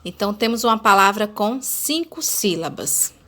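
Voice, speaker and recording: A woman teacher with a Brazilian accent giving a lesson, speaking slowly and spelling words out syllable by syllable. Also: mid-range voice, lively intonation, pushed and bright. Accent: Brazilian Portuguese. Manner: slow, deliberate, spelling out syllables. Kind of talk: recorded classroom lesson.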